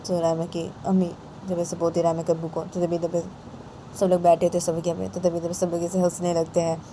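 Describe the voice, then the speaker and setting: Mellow-voiced woman storyteller. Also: lowish voice, completely flat delivery, brisk, a little hiss or hum, rough recording. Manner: repetitive, linking with "then". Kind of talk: oral storytelling narration.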